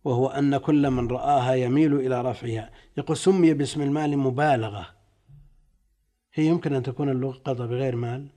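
Mellow guy sheikh reading old commentaries, slow and careful, stretches words. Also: medium pitch, fairly even intonation. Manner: deliberate, stretches key words while explaining. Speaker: sheikh teaching a text. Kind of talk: classical lesson, reading and explaining commentaries.

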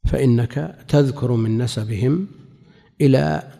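A man gives a religious lesson in a measured, explanatory manner, pausing between phrases. His voice is mellow and dark. It carries a long reverb, as if he were in a large hall. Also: mid-range voice, vocal fry. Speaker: religious teacher. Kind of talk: lecture explaining a classical hadith commentary.

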